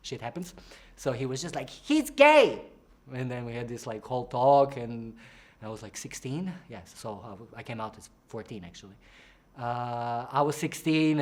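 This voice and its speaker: With a fairly bright tone, a young drag performer from Croatia gives a playful, talkative interview. He impersonates what other people said by leaping into high voices.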